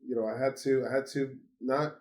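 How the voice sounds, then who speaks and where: A man's voice: mid-range voice, flat delivery, brisk, a little mellow. A man from Sweden, an author, talking animatedly as a phone interview guest with many fillers. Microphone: phone call.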